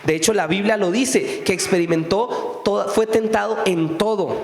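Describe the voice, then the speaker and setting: Man, sermon, conversational, rhetorical questions, long echo, high voice. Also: moderate pace, vocal fry, slight background noise. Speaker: pastor. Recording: echoey hall with long reverb.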